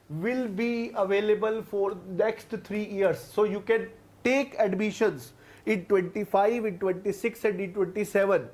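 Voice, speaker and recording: With a high-sitting, slightly mellow voice and an Indian English accent, a young man leads an online exam-prep lesson. He explains everything one step at a time, often repeats phrases, and calls everyone "guys."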